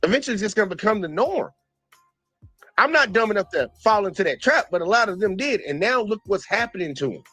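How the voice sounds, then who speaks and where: Animated man giving blunt commentary. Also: sits high, fast talker, no room sound, soft background music. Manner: blunt, animated, repeats himself for emphasis. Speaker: streamer reacting to a police video. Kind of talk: casual commentary.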